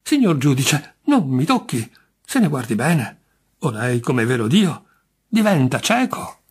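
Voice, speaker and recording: A man's voice: mid-range voice, big pitch swings, measured pace, breathy edge, heavily acted. A man doing a bitter, menacing jinx. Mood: indignant. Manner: indignant, menacing, insistent. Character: bitter middle-aged man branded a jinx.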